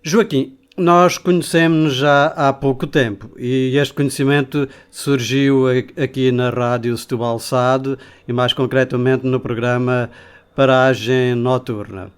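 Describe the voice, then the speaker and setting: Male radio interviewer, smooth clear voice, loose and repetitive phrasing. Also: medium pitch, fairly even intonation, measured pace. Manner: rambling, repeats words while finding the phrasing. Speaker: radio host.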